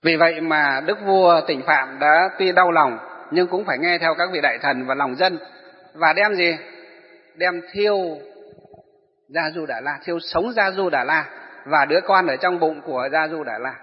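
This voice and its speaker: A man's voice: a little high, normal speed. A man telling a Buddhist story as a sermon. He keeps posing rhetorical questions and then answers them himself. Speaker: Buddhist preacher. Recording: echoey hall, dull lo-fi sound.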